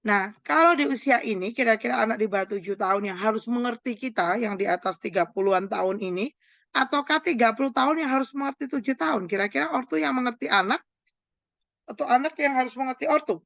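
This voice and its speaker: Gravelly-voiced woman giving a parenting seminar. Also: on the high side, fast, no echo, highs cut off. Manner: lively, often acts out parents' words. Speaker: parenting speaker and doctor. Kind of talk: online parenting seminar talk.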